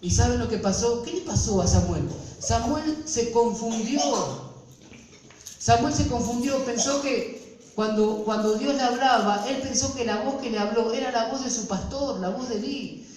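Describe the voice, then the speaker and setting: A man's voice: very high-pitched, normal speed, a little mellow. A man with an Argentine accent, a pastor preaching a sermon who keeps asking the congregation rhetorical questions. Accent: Argentine Spanish. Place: church. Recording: echoey church from far off, faint noise.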